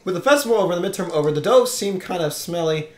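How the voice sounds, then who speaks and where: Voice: medium pitch, expressive, quick pace. A gamer casually commenting on a game while reading its text aloud, playful, swearing freely and slipping into character voices. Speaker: let's play gamer. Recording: roomy echo.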